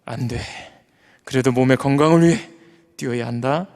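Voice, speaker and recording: A man voicing God as a calm, fatherly male figure who gives low, firm replies. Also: moderate pace, close to an everyday voice. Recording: long church reverb.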